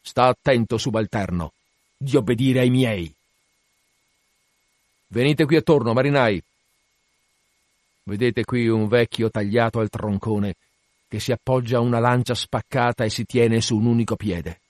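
A man's voice: medium pitch, measured pace, pauses often, a little mellow, dry recording, close to an everyday voice. Man reading as a commanding old sea captain, obsessed and one-legged, fervent declamation, dry close sound. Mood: brooding. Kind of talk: dramatic reading.

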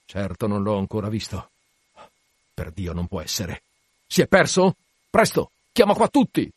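A man's voice: deep voice, steady tone, moderate pace, darkish tone, husky, dry recording, clean studio sound, voice pushed down. A man voicing an obsessed, one-legged old whaling captain in a dramatic reading, commanding and declamatory. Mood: urgent.

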